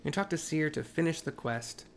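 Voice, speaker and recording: A man's voice: fairly high pitch, animated, moderate pace, creaky, soft background music. A man casually narrating his way through a video game as he plays.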